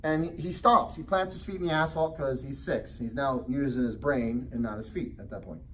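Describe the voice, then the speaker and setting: A man presenting a real estate investing seminar, telling personal stories in an animated way and often checking in with rhetorical questions. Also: medium pitch, moderate pace, distant mic, slight background noise. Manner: animated storytelling with frequent rhetorical check-ins. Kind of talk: motivational sales seminar talk.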